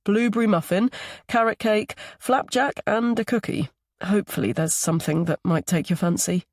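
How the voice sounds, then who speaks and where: A woman's voice: medium pitch, normal speed, darkish tone, no room sound, studio quality, pitched above the performer's own voice, natural voice. A woman reading the part of a charming, attentive man on a date, speaking in an easygoing, persuasive way. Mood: friendly.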